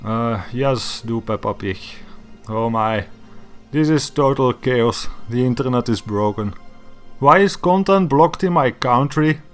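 A man's voice: medium pitch, a little slow, soft background music. Exasperated man ranting in a comedy bit. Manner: exasperated, sarcastic, swears. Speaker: YouTuber. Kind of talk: comedic rant.

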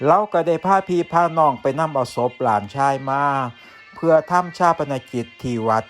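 This folktale narrator speaks with an Isan accent in a fairly high-pitched voice at normal speed. Folksy in manner, he addresses his listeners directly as music plays behind him.

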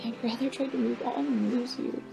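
A woman voicing a shy, self-blaming teenage cat girl who speaks in a hushed, trembling way. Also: fairly high pitch, steady tone, moderate pace, creaky, over music, pitched above the performer's own voice. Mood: ashamed. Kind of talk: fan fiction reading.

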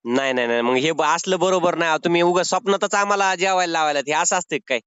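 On a dull lo-fi phone recording, a prank caller wheedles and mock-pleads insistently in off-the-cuff banter. He talks fast in a voice on the high side, fairly bright, clear and resonant, with no room sound.

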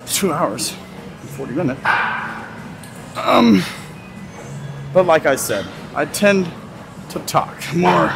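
A man's voice: a little high, creaky, rough recording. Rambling young man in a gym. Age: 20s. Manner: laid-back, rambling, laughs often. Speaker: fitness vlogger. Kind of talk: casual walk-and-talk vlog. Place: large indoor gym. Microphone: phone camera on a tripod nearby. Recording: gym music playing loudly behind. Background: music playing in the gym.

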